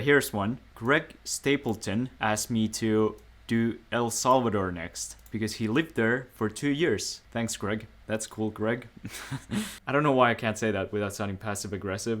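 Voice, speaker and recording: A man's voice: fairly low pitch, a bit bright. A man hosting a gaming video, talking casually with joking, self-mocking asides. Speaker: gaming YouTuber host.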